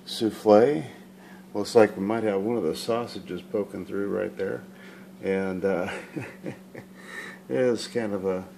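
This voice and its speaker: Home cook, male, very unhurried and folksy, narrating his own kitchen video. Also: fairly low pitch, a little mellow, a little hiss or hum. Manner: rambling, folksy, many fillers. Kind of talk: casual cooking narration.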